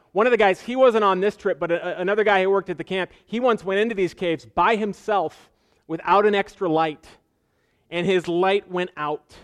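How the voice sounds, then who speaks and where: A man's voice: high voice, smooth. A man preaching a sermon as pastor, earnest, repeating phrases for emphasis and asking rhetorical questions.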